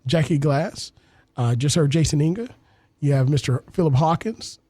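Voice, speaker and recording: A man's voice: a little high, moderate pace, dark tone, dry recording. A man, hosting a radio talk show with earnest civic commentary. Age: 30s. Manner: earnest, civic-minded, repeats words while thinking.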